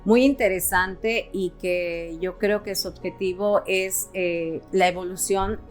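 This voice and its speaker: A woman's voice: mid-range voice, steady tone, slow pace, faint music behind. A woman hosting a podcast interview, speaking to her guest in an affectionate, welcoming way. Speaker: podcast host. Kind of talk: conversational interview.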